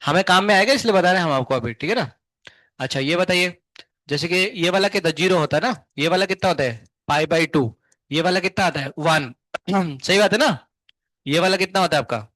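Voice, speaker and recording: A male physics teacher giving a live class lecture, firing quick questions at his students and explaining step by step. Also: high-pitched, a bit bright, no echo. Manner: chatty, scolding then explaining, asks students many quick questions; hums tunes to show wave shapes.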